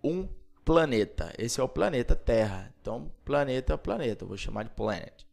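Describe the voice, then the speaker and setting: A man from Brazil teaching English pronunciation, repeating each word slowly and checking in with playful asides. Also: mid-range voice, lively intonation, darkish tone. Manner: repeats words slowly and clearly, asks "beleza?" often. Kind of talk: Portuguese-spoken English pronunciation lesson.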